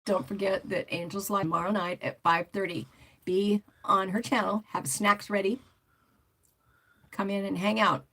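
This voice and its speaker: Gravelly older woman chatting on a livestream. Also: mid-range voice, flat delivery, normal speed, pushed and bright. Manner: rambling, chatty, reads out viewer comments. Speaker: motorcycle vlogger hosting a livestream. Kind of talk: casual livestream chat.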